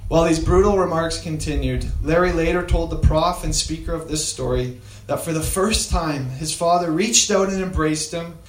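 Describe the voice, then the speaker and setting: A man's voice: fairly high pitch, normal speed, hardly any pauses, roomy sound. A man retelling a story to an audience, with frequent fillers and restarts. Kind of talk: storytelling talk.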